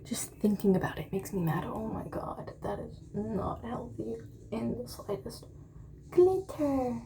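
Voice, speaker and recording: A woman's voice: medium pitch, fairly even intonation, moderate pace, creaky, noisy background. A woman vlogger chatting casually through a storytime while doing her makeup. She exclaims often and keeps slipping into whispers.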